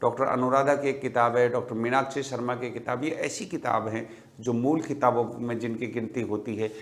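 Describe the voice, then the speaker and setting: A man's voice: mid-range voice, steady tone, fairly quick. A middle-aged man teaching an exam-prep grammar lecture, often asking rhetorical questions and repeating key words for emphasis.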